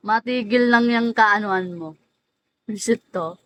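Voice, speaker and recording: This female streamer talks slowly in a fairly high, slightly bright voice, with a little hiss or hum on a rough recording. Greeting her viewers in casual chat, she teases them by name, lingers on the names and laughs frequently.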